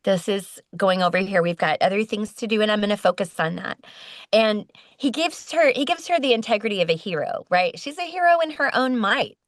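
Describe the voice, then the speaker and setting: A woman's voice: mid-range voice, expressive, a little fast, no room sound. Brief: woman guest, casual interview, earnest, restarts, dry sound. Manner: warm, earnest, many restarts. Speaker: voice actress guest.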